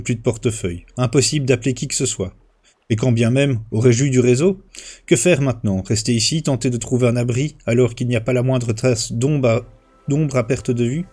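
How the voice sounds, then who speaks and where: A man reading his own first-person short story aloud on a livestream, in a steady, measured way with small slips and restarts. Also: medium pitch.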